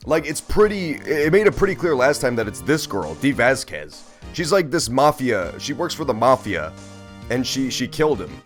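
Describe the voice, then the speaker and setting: A man with a lively, swinging delivery hosts a casual game stream. He rambles playfully and swears freely, with faint music underneath. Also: medium pitch, moderate pace. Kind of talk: casual live-stream chat with gameplay commentary.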